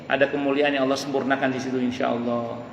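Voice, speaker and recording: A man's voice: mid-range voice, flat delivery, fast, vocal fry, lo-fi sound, background noise. A man giving a mosque sermon, earnest and conversational, asking questions and answering them himself. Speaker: preacher. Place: mosque hall. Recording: echoey mosque hall with long reverb.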